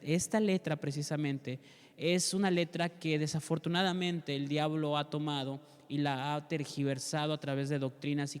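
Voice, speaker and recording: Male Bible teacher, earnest and direct, smooth slightly high voice, reverberant room. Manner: warm earnest teaching, addresses listener directly. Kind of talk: Bible class with prayer. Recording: long reverb.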